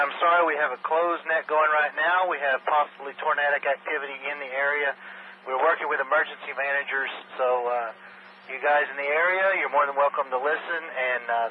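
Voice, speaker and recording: A man keeps a tight emergency net in order, firm and by the book, always signing off with his call sign. His voice comes through a ham radio channel, thin and squeezed, with steady static hissing beneath it. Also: fairly high pitch, fairly quick. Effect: heard over a ham radio link with static. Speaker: emergency net control operator. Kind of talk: amateur radio net control transmission. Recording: tinny radio transmission with static.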